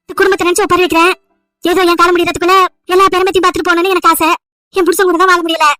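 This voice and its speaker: A woman's voice: very high-pitched, flat delivery, rapid-fire, pushed and bright, dry recording. A woman voicing a nagging, emotional old village grandmother over 70 who scolds and pleads at length. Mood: scolding. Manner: scolding, pleading, wailing complaints.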